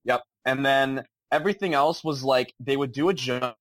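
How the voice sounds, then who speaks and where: A man's voice: mid-range voice, moderate pace, fairly bright tone, dry recording. Guy ranting hard about a movie in a quiz chat, dry close mic. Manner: blunt, ranting. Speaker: quiz contestant. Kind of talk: casual podcast game chat.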